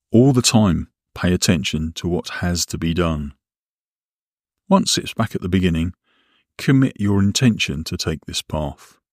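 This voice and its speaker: Deep-voiced man guiding a relaxation exercise. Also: no room sound, clean studio sound. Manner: measured, instructional, with deliberate pauses. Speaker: guided visualisation instructor. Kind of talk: guided relaxation and visualisation narration.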